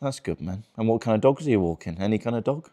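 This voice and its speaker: A man's voice: on the low side, expressive, fast, dark tone. A man in his twenties doing crude, teasing crowd work as a stand-up comedian in a virtual-reality show. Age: 20s. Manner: crude, teasing, laughs often.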